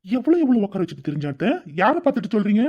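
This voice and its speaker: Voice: medium pitch, very animated, rapid-fire, husky. A performer voicing a defiant young man in a cartoon, arguing back at his aunt. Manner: protesting, argumentative. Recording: dull lo-fi audio with faint music.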